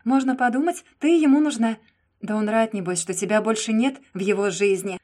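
Husky jealous young man, as a woman reads him. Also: medium pitch, normal speed, a little mellow, natural voice. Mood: heated. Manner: pleading and insistent. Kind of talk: audiobook reading.

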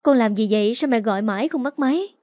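A woman voicing a worried, gentle middle-aged mother. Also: a little high, fast, no room sound, clean studio sound, natural voice.

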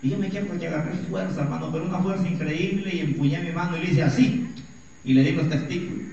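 A man's voice: a little high, quick pace, warm tone, slight background noise. A middle-aged man, a pastor who preaches an emphatic sermon, telling stories and calling the congregation brothers. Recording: echoey church hall, distant dull mic.

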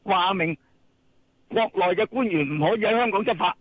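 A man's voice: sits high, moderate pace, breathy edge. A man with a Hong Kong Cantonese accent calling in to a radio show, agitated and firing rhetorical questions. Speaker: caller. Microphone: phone. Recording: tinny phone line.

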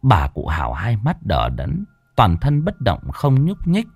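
A man's voice: mid-range voice, wildly swooping pitch, measured pace, creaky, darkish tone, breathy edge, dry recording. A man narrating a ghost story in a dramatic storytelling manner. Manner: dramatic storytelling with voiced characters. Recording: dry close recording with faint music.

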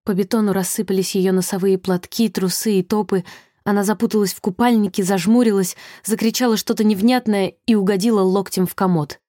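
A woman narrating a thriller audiobook in a measured, tense way. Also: medium pitch, fairly even intonation, warm tone, no room sound, clean studio sound. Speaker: audiobook reader.

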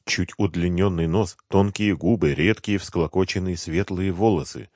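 A man narrating an audiobook in a steady, measured storytelling way, close to the mic. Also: sits low, dry recording. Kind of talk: scripted narration.

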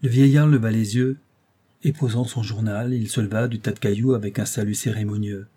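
Male narrator for a classic novel audiobook, measured delivery, husky tone. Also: fairly low pitch, fairly even intonation, mellow. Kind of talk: scripted narration.

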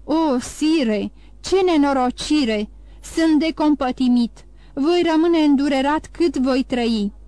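A woman voices a frightened male minister of police, halting and pleading. His lines come in a slightly raised voice, recorded dry and close. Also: high voice, warm tone, no room sound, pitched above the performer's own voice, close to an everyday voice. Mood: desperate.

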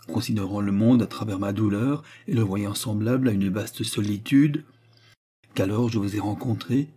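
A man's voice: on the low side, mellow, breathy edge. A man reading aloud and voicing a scheming young widow who feigns distress in a dramatic, pleading way.

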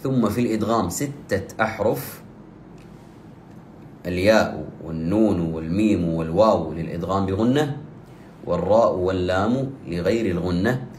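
A man with a lowish voice teaches recitation rules, pausing to chant each example phrase slowly and repeat it. He sounds like he is in a roomy space that echoes, with a faint hiss of ambient noise behind him. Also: a little mellow. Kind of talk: tajweed lesson with recited examples.

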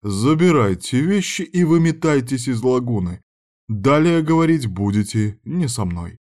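A man's voice: medium pitch, animated, measured pace, darkish tone, close to an everyday voice. A man voicing a stern commanding hostess. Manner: cold, commanding, then smoothly apologetic. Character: stern female hostess of an establishment.

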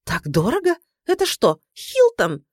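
A woman putting on a shrill domineering mother-in-law. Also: huge pitch swings, measured pace, no room sound, studio quality, heavily acted. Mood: indignant. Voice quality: shrill, indignant, scolding. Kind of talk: audiobook character voice.

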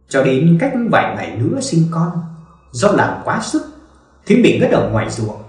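A man narrating a ghost story, telling it in an expressive, dramatic way. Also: on the high side. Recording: very echoey room, distant mic.

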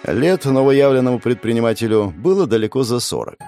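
A man reading a first-person audiobook in an expressive, storytelling voice. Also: medium pitch, a little fast, faint music behind. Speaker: audiobook narrator.

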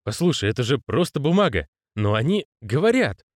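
A man's voice: mid-range voice, sing-song, fairly quick, no room sound, studio quality, pitched above the performer's own voice. A male reader voicing a jittery young conman who talks in a raised, flustered, protesting way. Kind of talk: audiobook character reading.

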